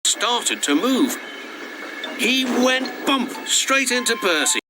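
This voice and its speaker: A man narrating a children's television story in a slow, very animated way. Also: very high-pitched, background noise.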